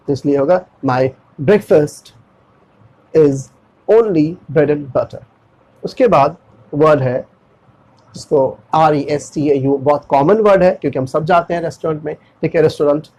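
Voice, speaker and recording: Indian-accented male teacher, husky and slightly high-pitched, drills words with slow repetitions. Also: darkish tone, low-quality recording. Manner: slow, drawn-out model sentences between quick explanations; repeats words many times, says "theek hai" often. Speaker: English pronunciation teacher. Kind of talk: classroom explanation in Hindi with English examples.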